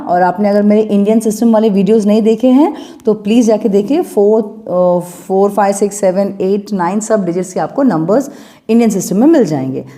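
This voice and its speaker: In this clip, a woman maths teacher with an Indian English accent walks her students through a problem step by step as she writes, checking in with them along the way. Her voice is medium-pitched and warm, and she comes across as patient, often pausing to ask questions.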